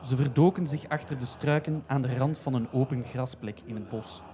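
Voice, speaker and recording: A man's voice: medium pitch, normal speed, dark tone, slight background noise. Man narrating a comic story.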